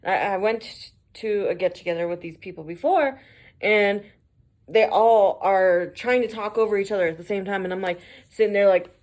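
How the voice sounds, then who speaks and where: A woman's voice: mid-range voice, normal speed, darkish tone. A woman who works as a mail carrier, telling casual stories for her vlog, swearing, laughing often and acting out the voices of the people she quotes.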